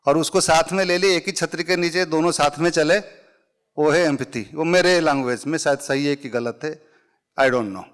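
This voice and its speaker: A smooth, somewhat high male voice at normal speed belongs to a middle-aged man leading a live public speaking workshop. He talks conversationally, blends in English phrases, and leans on everyday examples.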